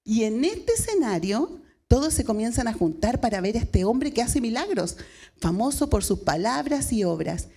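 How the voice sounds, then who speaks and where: A woman's voice: a little high, big pitch swings, normal speed, dark tone, husky. A woman pastor with a Chilean Spanish accent preaching a sermon, retelling a story and asking the congregation questions.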